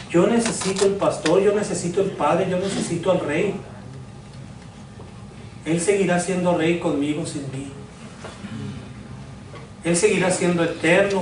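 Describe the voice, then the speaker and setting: Amid a noisy background, a high-voiced male pastor delivers a sermon in a church sanctuary, using repeated rhetorical questions and call-and-response. The sound is distant and echoey.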